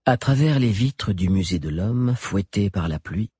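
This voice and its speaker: Male narrator, audiobook, lively pitch, dry close sound. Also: a little slow, slightly rough, no echo. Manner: expressive, dramatic.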